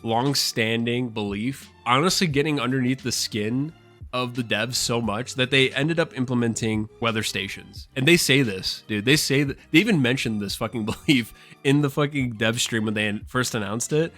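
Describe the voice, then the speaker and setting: A man giving casual, excitable commentary on a game, swearing often and calling his viewers "guys.". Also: mid-range voice, normal speed, soft background music. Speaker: gaming YouTuber.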